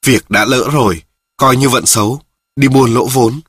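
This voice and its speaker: Guy doing a half-joking robber in a story reading, flippant, husky voice. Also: mid-range voice, steady tone, normal speed, a bit bright, no echo, clean studio sound.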